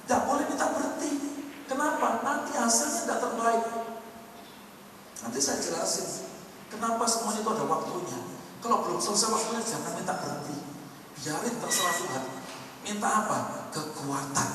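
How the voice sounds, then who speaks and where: A middle-aged man, a pastor preaching a sermon and swinging between soft, low asides and loud, high exhortation. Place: church hall. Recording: very echoey hall, distant mic, faint noise.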